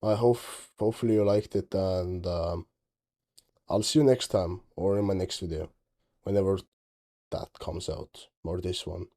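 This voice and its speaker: A teenage Estonian game dev vlogger, a native Estonian speaker, speaks English in a low, dark voice with a steady tone and a measured pace. He comes across as tired and offhand, rambling about his game over a screen recording and frequently correcting himself.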